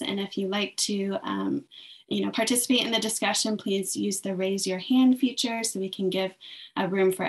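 A woman facilitating a video call workshop, giving housekeeping instructions with many fillers. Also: mid-range voice. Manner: friendly, filler-heavy instructions.

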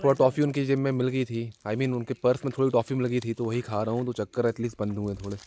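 A man's voice: medium pitch, level tone, fast talker, mellow, a little hiss or hum. Chatty man vlogging to a handheld camera. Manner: chatty, talks to the camera while walking. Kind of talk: casual travel vlog narration. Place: outdoors on a hill path, then inside a narrow dark cave. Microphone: handheld camera at arm's length.

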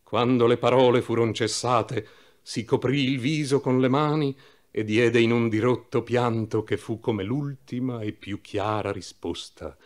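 A man narrating a classic novel in a measured, solemn reading. His voice sits at a middle pitch for a man. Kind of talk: literary audiobook reading.

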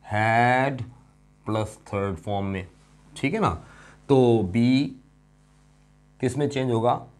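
A middle-aged man teaches a classroom grammar lesson at a slow, deliberate pace, with a pitch that sits in an ordinary middle register. He breaks each point into steps, keeps asking his students questions and stretches out the key words. His tone is patient and emphatic. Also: a little mellow. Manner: explains step by step with questions to students. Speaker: English teacher.

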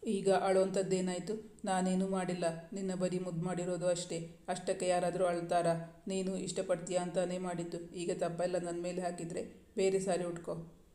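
A teasing young husband coaxes his bride in an audio story, read by a man. The voice is high and even in pitch. The sound is echoey. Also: normal speed, natural voice. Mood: coaxing. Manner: teasing, coaxing. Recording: roomy echo.

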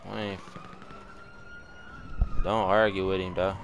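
A man's voice: low voice, flat delivery, takes it slowly, creaky, background noise. A young man in casual gaming voice chat, trash-talking rivals with profane mocking jibes and laughs. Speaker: gamer in online voice chat.

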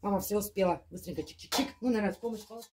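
A woman's voice: mid-range voice, racing, a little mellow, a little hiss or hum. A woman filming at her mother's home, talking casually about the meal she made. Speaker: daughter, co-vlogger. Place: home kitchen.

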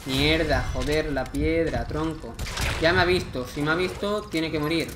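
A man with an accent from Spain, casually commenting on a game he plays, chatty and excitable with lots of slang. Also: fairly high pitch, moderate pace, reverberant, background noise. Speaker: gameplay commentator.

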